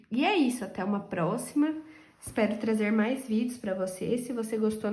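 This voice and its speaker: A woman's voice: medium pitch, a little mellow, roomy sound. Stuffy-nosed woman teaching crochet. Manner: chatty, explains as she works, often checks in with "tá?". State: stuffy nasal voice from a cold. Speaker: crochet instructor. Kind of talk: casual step-by-step tutorial.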